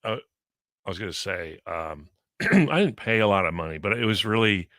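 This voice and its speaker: A man's voice: on the low side, lively intonation, normal speed, fairly bright tone, no room sound, clean studio sound. A man hosting a radio show in casual morning chat.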